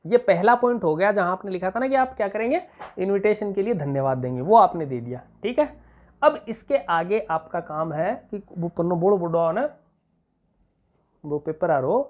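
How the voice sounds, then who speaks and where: A male teacher with a Rajasthani accent walks students through an exam answer step by step, dictating slowly and often stopping to ask whether it is clear. The recording is thin and tinny, as if captured over a phone line. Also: sits high. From Rajasthan, India. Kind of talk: exam-prep lesson.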